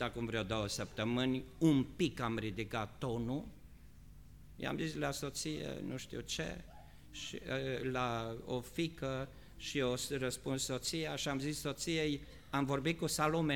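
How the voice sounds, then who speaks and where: A male pastor preaching a sermon, moving between shouted, drawn-out high passages and quiet, conversational questions. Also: gravelly, a little hiss or hum.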